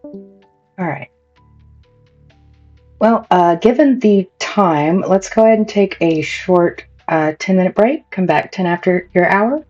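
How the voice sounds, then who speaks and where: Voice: mid-range voice, slow pace, long pauses, darkish tone. A game master casually and hesitantly narrating a tabletop role-playing game. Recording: dull lo-fi audio, faint music behind.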